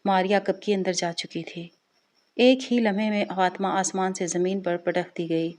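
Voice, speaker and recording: A woman storyteller narrating an emotional family drama with a steady, expressive reading. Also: medium pitch.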